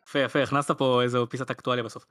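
A man's voice: medium pitch, little pitch movement, fairly bright tone, clear, resonant tone. A young man chatting casually as a podcast co-host. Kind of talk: casual chat.

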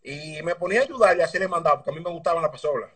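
A man with a Dominican accent, a mechanic telling stories from his past in a relaxed, rambling way in an interview over a video call. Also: a little high, racing. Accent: Dominican Spanish. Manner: relaxed, rambling anecdotes with slang. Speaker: guest, motorbike mechanic. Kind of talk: casual interview storytelling. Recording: distant video call audio.

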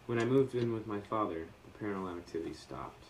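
A man co-hosting a casual podcast, reading listener stories aloud and tossing in deadpan jokes. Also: on the low side, fast. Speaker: podcast co-host. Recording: roomy sound from a distant mic with faint noise.

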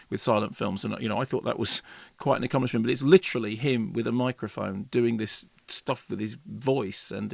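A man's voice: mid-range voice, creaky, no echo, muffled recording. A man co-hosting a radio show as a film critic, chatting in a wordy, argumentative, enthusiastic way from a remote studio. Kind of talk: casual bantering radio chat. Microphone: studio microphone on a remote link.

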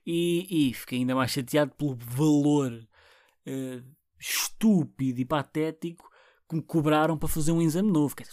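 A man's voice: mid-range voice, a little mellow, no room sound, studio quality. A man in his twenties with a European Portuguese accent, hosting a casual solo podcast, rambling and swearing with many restarts. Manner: rambling and profane, with frequent restarts and fillers. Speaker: podcast host.

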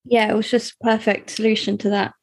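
A young British woman talks about her life in an interview, hesitating often with many fillers and restarts. Her voice is medium-pitched and level in tone, and she speaks quickly.

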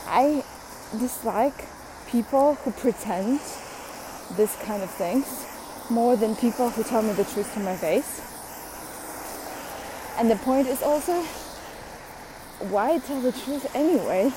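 Slow-talking young woman venting casually. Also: a little high, lively intonation, background noise. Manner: chatty, blunt, swears, many fillers. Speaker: vlogger.

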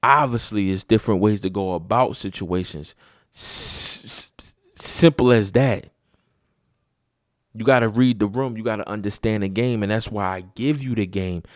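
A man's voice: lowish voice, moderate pace, no echo, clean studio sound. A sleepy man rambling profanely in a casual late-night monologue from his room, repeating himself as he talks. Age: adult father. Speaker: host.

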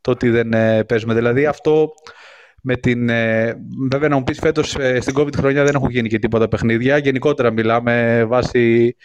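A man's voice: medium pitch, steady tone, smooth, dull audio. A man calling in to a casual chat show, talking about basketball with many fillers and restarts. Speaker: caller.

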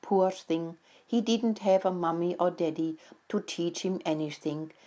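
A woman's voice: on the low side, fairly even intonation, a little slow, mellow. A woman voicing a kind, sympathetic young female mouse in a storybook reading.

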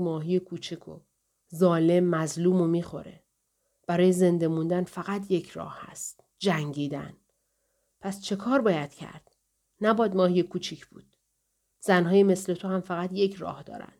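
A woman voicing a drunken, brutal male soldier who slurs and drawls, turning hushed and whispery at times. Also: lowish voice, fairly even intonation, pauses often, close to an everyday voice. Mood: scornful. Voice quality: slurred drawling speech. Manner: menacing, sometimes hushed and whispery.

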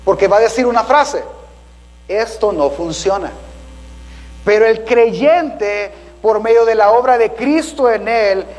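A man's voice: high voice, a little slow, a little mellow, poor audio. A man preaching a sermon as a pastor, calling listeners "brother" and asking them rhetorical questions.

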